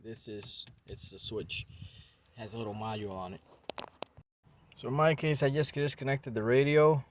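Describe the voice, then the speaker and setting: A man talks through a car repair in an easygoing, rambling way. He thinks aloud with fillers while he works, his voice at an average pitch. He is recorded on a handheld phone inside a car, with faint noise in the background. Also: steady tone, moderate pace. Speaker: car repair video maker. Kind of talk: casual how-to narration.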